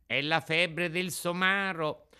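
A kindly little female marmot, as a man puts her on in a storybook reading, gentle and solicitous, sighing as she consoles. The voice sits well above a man's usual pitch, with a bright, clear tone. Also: steady tone, takes it slowly, exaggerated voice. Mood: concerned.

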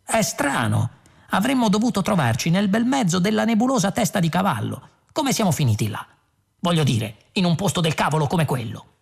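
A man reading an audiobook, voicing a vain, scatterbrained male space captain who plays dumb, with a gravelly voice. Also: high-pitched, big pitch swings, fairly quick, voice pushed up, heavily acted. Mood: baffled. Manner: boastful, feigning dimness. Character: vain, scatterbrained two-headed male galactic president.

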